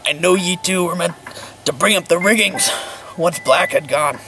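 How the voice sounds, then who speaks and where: A man's voice: sits high, normal speed, over music. A man playing a loyal male pirate deckhand in an amateur pirate film, speaking in earnest pirate talk. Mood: mournful.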